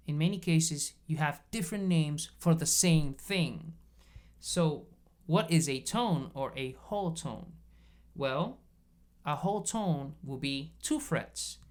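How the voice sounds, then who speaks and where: A man teaching bass guitar in a casual video lesson, explaining patiently step by step and checking in often. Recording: bass guitar playing between phrases.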